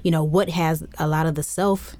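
A woman's voice: low-pitched, steady tone, normal speed, a little mellow. A woman co-hosting a podcast in casual chat, chiming in with agreement and laughing easily. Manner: affirming, chimes in often, laughs easily. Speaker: podcast co-host.

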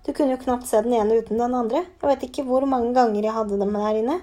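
A woman's voice: fairly high pitch, fairly even intonation, dark tone, natural voice. A woman reading an audiobook, voicing a curious female innkeeper who speaks eagerly.

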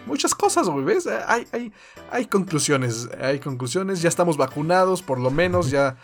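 Mexican podcast guy, bro-style slangy swearing, kinda high voice, music behind him. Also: animated, moderate pace. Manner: laid-back bro talk with frequent slang and swearing. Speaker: podcast co-host. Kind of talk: casual podcast chat.

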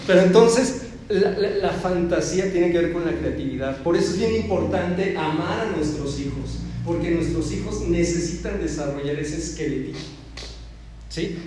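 A man's voice: fairly high pitch, warm tone, a little hiss or hum. A man with a Mexican accent giving a playful, joking lecture as a therapist and speaker, acting out little voices as he explains. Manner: playful, jokey, acts out quoted voices. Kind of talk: motivational lecture. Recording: echoey hall.

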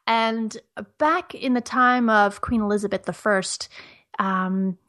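A woman's voice: medium pitch, takes it slowly, fairly bright tone. Upbeat woman from Ireland chatting. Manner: upbeat, laughs easily. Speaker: trivia podcast guest. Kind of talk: casual chat on a remote call. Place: home near Toronto.

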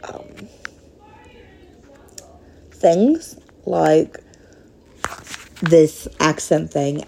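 Slow, gravelly, low-voiced woman. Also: mellow. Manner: rambling, with many fillers. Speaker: podcast host. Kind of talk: casual personal monologue.

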